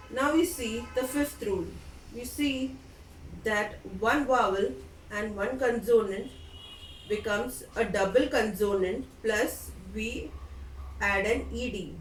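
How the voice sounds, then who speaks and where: A woman teaching English grammar, explaining each rule slowly and spelling out letters and endings. She speaks at a middling pitch, recorded from a distance in a room with a noticeable echo and faint background hum. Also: darkish tone. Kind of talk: grammar lesson. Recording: echoey room from a distant mic.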